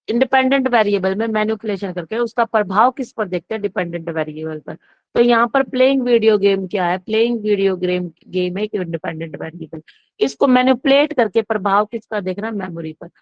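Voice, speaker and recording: A woman teaching in a casual lecture, stopping to correct herself and asking and answering her own questions. Her voice sits at a middle pitch, close to the mic and dry, with a dull lo-fi sound. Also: no echo. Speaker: psychology teacher. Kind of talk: exam-prep lecture, casual Hindi-English mix.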